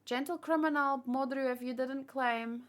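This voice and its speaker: A high, steady voice at normal speed belongs to a livestream host who's exhausted after hours on air. She keeps chatting casually with live viewers, rambling through fan theories in a think-aloud way.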